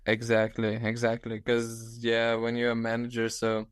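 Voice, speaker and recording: A man in his thirties with a Lithuanian accent, a guest on a video call interview, speaking haltingly with frequent restarts and easy laughter. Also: medium pitch, completely flat delivery, clear, resonant tone, no room sound, studio quality. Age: 30s. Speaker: guest, ultra-distance cyclist. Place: small room at home, indoors.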